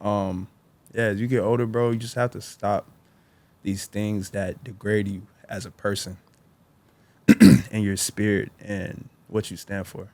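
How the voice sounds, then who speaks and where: Low-pitched with little pitch movement and a slightly mellow tone, a podcast co-host in his twenties reflects casually, rambling through fillers and restarts and calling people "bro." There's no room sound.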